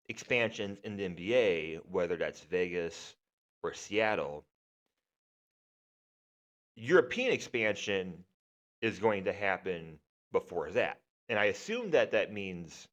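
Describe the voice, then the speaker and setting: Male podcast host, unhurried delivery, low voice, casual with a sarcastic streak. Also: dull audio. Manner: casual, sarcastic, with fillers and restarts. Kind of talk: solo sports podcast monologue.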